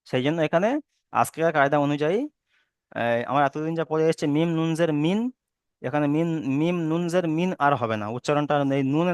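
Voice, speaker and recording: Clear-voiced patient tajweed teacher, man. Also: a little high, no echo. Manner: patient, repeats rules slowly and asks if understood. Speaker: Quran recitation teacher. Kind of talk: online tajweed lesson.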